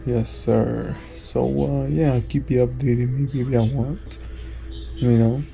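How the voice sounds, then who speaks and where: A man's voice: medium pitch, flat delivery, takes it slowly, gravelly. A young adult man chatting casually to his camera as a vlogger, laid-back and slangy, his speech slightly thick and slurred. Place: small clinic room, car and bedroom. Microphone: camera at arm's length. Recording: noisy handheld camera audio with room ambience.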